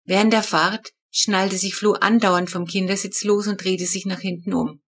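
A woman's voice: mid-range voice, little pitch movement, moderate pace, fairly bright tone, husky. Woman reading a children's book. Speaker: audiobook narrator.

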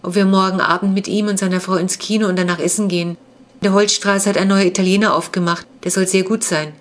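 Woman reader as a brisk, cheerful father; storybook read-aloud. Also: medium pitch, steady tone, lightly acted. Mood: chatty. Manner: brisk and chatty.

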